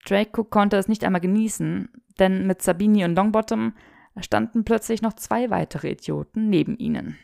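A woman narrates a fan fiction audiobook in a steady storytelling voice. Her tone has a gravelly fry, and the recording is close and dry, with no room sound. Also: mid-range voice, normal speed, no echo. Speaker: audiobook reader.

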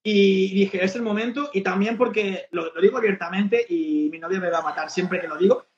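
A podcast host based in Barcelona talks in a high, fairly quick voice, chatting casually and rambling with frequent restarts. The recording sounds echoey, dull and lo-fi.

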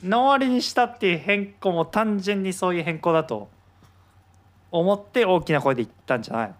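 A man's voice: high-pitched, lively intonation, fairly quick. A man in casual chat, questioning and teasing his co-host's story. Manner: skeptical questioning listener, teasing. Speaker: podcast co-host.

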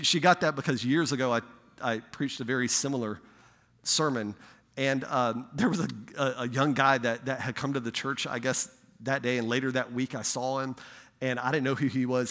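Bright-voiced male pastor preaching in a hall. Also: medium pitch. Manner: conversational preaching, rising loud for emphasis, frequent "right?". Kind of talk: sermon.

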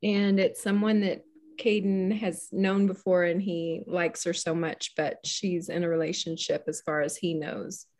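Slow-talking woman author. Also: fairly low pitch, flat delivery, a little mellow. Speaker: author guest. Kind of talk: casual chat.

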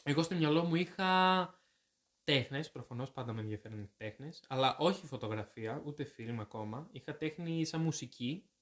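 A young man from Greece chatting as a guest, telling animated stories and correcting himself as he goes. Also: a little high. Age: young adult. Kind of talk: casual chat.

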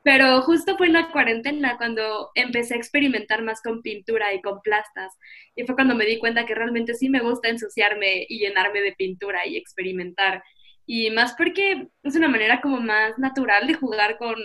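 A woman's voice: a little high, moderate pace, sharp tone. A woman in her twenties with a Mexican accent, talking casually as a guest in a podcast interview. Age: 20s. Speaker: podcast guest, visual artist.

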